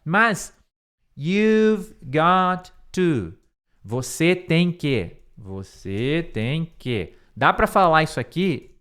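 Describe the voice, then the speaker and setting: A man from Brazil teaching an English lesson, repeating words slowly and carefully and speaking directly to his students to reassure them. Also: on the high side, very animated, a bit bright. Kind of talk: online English lesson, explaining phrases.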